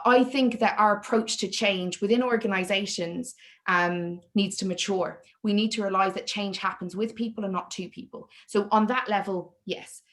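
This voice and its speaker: A woman's voice: mid-range voice, fairly bright tone. Chatty woman presenting at an online meetup. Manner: chatty and self-deprecating, with many restarts. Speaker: guest speaker on leadership and inclusion.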